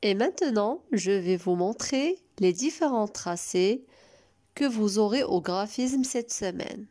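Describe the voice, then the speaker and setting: A woman teacher giving a recorded lesson to young children, spelling out letters and syllables slowly and praising often. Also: mid-range voice, expressive, mellow. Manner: slow and carefully spelled out, encouraging. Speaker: preschool teacher.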